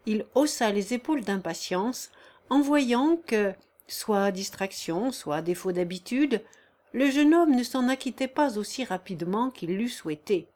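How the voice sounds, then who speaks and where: Brief: female audiobook narrator, measured and even, fairly high voice. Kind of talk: scripted novel narration.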